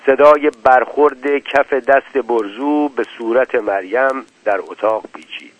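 A man telling a dramatic story in scripted narration, letting his loudness rise and fall widely. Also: mid-range voice, dry recording. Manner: dramatic, with big swings in loudness. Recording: dull, dry lo-fi recording.

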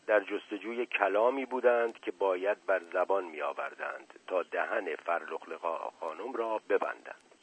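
A man reads a novel aloud in a measured, expressive way, his low voice husky. The sound is thin and phone-like, as from a radio broadcast. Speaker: narrator. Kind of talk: audiobook reading of a novel.

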